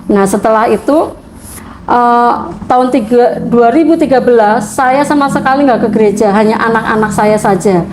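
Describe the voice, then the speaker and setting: A woman's voice: on the high side, normal speed, noisy background. A woman in her forties from Purwokerto, Indonesia, giving an earnest, heartfelt personal testimony in an interview, with hesitant restarts. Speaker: interviewee telling her conversion story.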